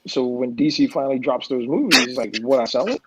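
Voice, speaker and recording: A man talking casually as a guest on a comics panel, relaxed and thoughtful, often repeating words as he starts a thought. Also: mid-range voice, fast talker, a loud crowd. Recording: dull lo-fi livestream audio.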